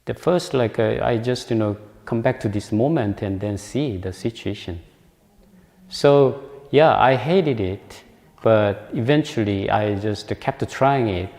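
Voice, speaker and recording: A man's voice: fairly low pitch, unhurried, vocal fry, darkish tone. A man giving a dharma talk, hesitant and searching for words, often laughing. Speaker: meditation practitioner giving a talk. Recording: long hall reverb.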